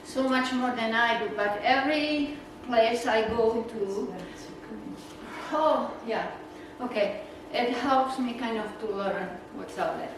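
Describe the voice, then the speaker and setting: Taking it slowly in a fairly high voice, a Czech-accented woman from the Czech Republic rambles through a slide presentation for a naturalist club, laughing and using many fillers. The meeting-room recording is noisy and echoey, with her voice distant.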